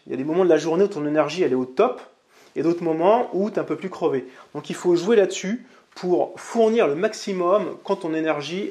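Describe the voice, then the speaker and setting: A man with a voice pitched a little above the usual, talking casually to camera on his own channel. He is chatty and upbeat and speaks straight to the viewer as if to a friend. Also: a little mellow. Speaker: channel host reviewing books. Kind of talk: casual vlog talk to camera.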